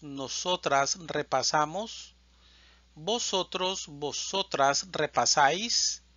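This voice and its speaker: Brief: male language teacher, very slow, careful enunciation of each form, slightly higher voice, dry and slightly dull recording. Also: bright, forceful tone, dry recording. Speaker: Spanish teacher. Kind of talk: slow, deliberate conjugation drill.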